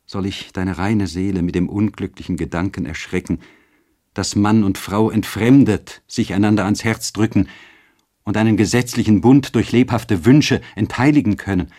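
A man's voice: fairly low pitch, fairly even intonation, normal speed, mellow, lightly acted. A man voicing a passionate married nobleman who pleads his forbidden love in a storybook reading. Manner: impassioned, pleading.

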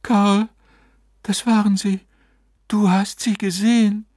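Man doing a shrill, pleading séance lady. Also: level tone, takes it slowly, a little mellow, no room sound, clean studio sound. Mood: excited. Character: excitable older woman at a séance.

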